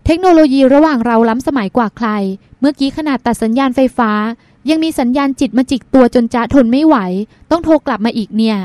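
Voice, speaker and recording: A woman's voice: high-pitched, a little fast, few pauses, darkish tone, no echo, close to an everyday voice. A woman reading the part of a teasing, sulky young woman who speaks in a pouty, bratty way. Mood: playful.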